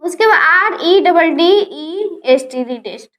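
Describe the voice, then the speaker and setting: A woman teaching a grammar lesson, spelling words out letter by letter and slowing down to sound them out. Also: extremely high pitch, expressive, a bit bright.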